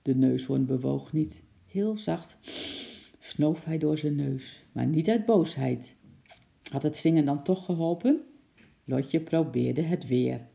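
A reader calmly narrating a children's storybook in a gentle storytelling manner. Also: mid-range voice, slow pace, vocal fry.

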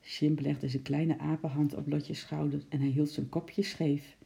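A narrator reading a children's story aloud in a calm, even manner. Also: mid-range voice, unhurried, gravelly. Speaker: audiobook narrator.

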